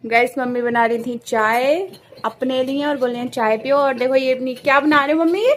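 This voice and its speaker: A woman's voice: high-pitched, normal speed. Chatty young woman vlogging at home. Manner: chatty, addresses viewers as guys, coos at the cats. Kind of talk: casual home vlog chat. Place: home and street outside after rain.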